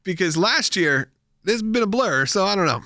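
Middle-aged male podcast co-host, a bit high-pitched and bright, speech mildly slurred, conversational. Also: animated, normal speed, dry recording, studio quality. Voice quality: slightly slurred speech after dental surgery. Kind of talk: casual chat.

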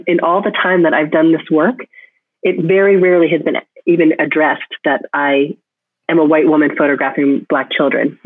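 Over a tinny, dry phone line, a low-voiced woman photographer answers interview questions reflectively. She thinks aloud and often restarts her sentences.

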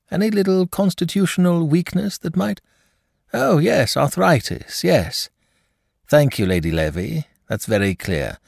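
A man's voice: mid-range voice, vocal fry, dry recording, studio quality, voice pushed up. A man voicing a cool, detached elderly doctor conducting an examination, in an audiobook reading.

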